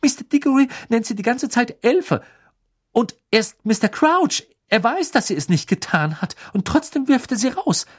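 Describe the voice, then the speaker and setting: Outraged teenage witch with a lifted, lively voice, as a male reader puts her on. She speaks high and heated in an audiobook, her breathy edge rising as she protests. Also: normal speed, exaggerated voice. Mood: indignant. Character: clever indignant teenage girl witch.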